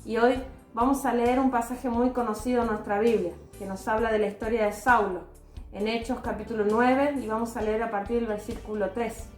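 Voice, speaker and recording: A woman giving a devotional talk with a personal testimony, in an earnest, calm and measured way. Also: a little high, faint music behind. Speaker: devotional speaker. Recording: roomy echoey recording.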